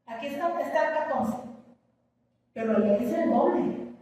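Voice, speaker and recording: Woman teacher, high mellow voice, patient explanations, roomy classroom, distant mic. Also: animated, normal speed. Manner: explains patiently with everyday examples and questions to students. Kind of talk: classroom lecture. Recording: echoey classroom from a distant mic with faint ambience.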